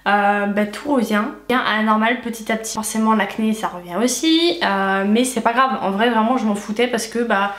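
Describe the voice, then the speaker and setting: In an echoey room, a young woman vlogger chats casually with viewers during a storytime vlog. Her mid-range, slightly bright voice is brisk with hardly any pauses, sounding stuffy and nasal, with a lisp from her retainers. She's candid and chatty, tossing in slangy asides.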